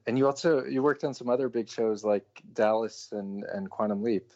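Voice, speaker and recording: A man's voice: mid-range voice, moderate pace, darkish tone. A man asking casual interview questions as a podcast interviewer. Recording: dull, lo-fi audio.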